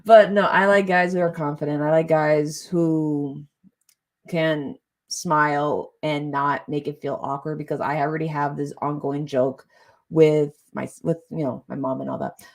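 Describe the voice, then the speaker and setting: A woman's voice: low voice, fairly even intonation. A young adult woman chatting casually and rambling on her live stream, often trailing off and breaking into laughter. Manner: chatty, rambling, quick swings into laughter and exasperation.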